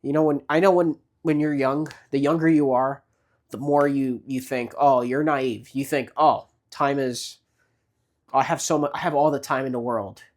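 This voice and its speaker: A man's voice: medium pitch, fairly even intonation, normal speed. A man in his late twenties giving casual motivational advice, rambling with many fillers and restarts. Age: 20s. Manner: frequent restarts and repeated words. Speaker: vlogger.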